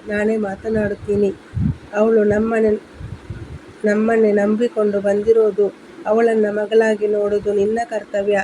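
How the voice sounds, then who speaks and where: A woman voicing a grown son who calmly reasons with his mother and defends his wife. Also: medium pitch, slight background noise, close to an everyday voice, poor audio. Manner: steady, reasoning. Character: calm son mediating, taking his wife's side.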